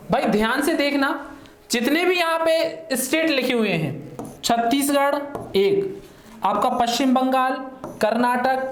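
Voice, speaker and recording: A man's voice: very high voice, a little hiss or hum. Chatty male teacher in an echoey room. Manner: chatty, keeps checking in with listeners. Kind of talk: online exam-prep lesson.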